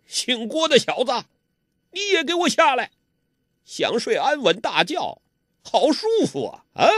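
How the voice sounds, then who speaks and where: A man's voice: very high voice, sing-song, measured pace, fairly bright tone, no room sound, studio quality, pitched above the performer's own voice, exaggerated voice. A man voicing a menacing, domineering older male villain who barks threats and orders. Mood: bullying, threatening.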